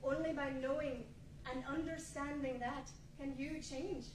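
A woman playing a young, earnest spirit of the past in a radio play, measured and solemn. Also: high-pitched, fairly even intonation, a little hiss or hum. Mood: gently urging. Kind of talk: 1940s musical radio play acting. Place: large indoor meeting room, live stage reading. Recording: echoey room, distant mic.

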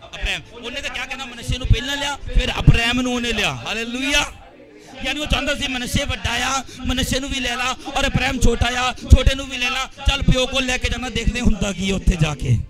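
A male preacher giving a fervent, shouted sermon, often calling the congregation to shout hallelujah and asking them questions that he answers himself. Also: very high-pitched, fast talker. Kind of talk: shouted Pentecostal-style sermon. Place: church meeting hall.

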